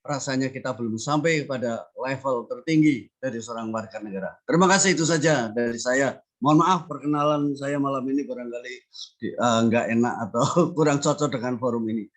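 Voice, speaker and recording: An older man gives earnest, emphatic remarks as a panelist at a discussion forum. His voice sits at a middle pitch, and he stacks repeated phrases to drive his points home. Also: fairly quick. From Central Java, Indonesia. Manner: earnest, emphatic, builds points with rhetorical repetition.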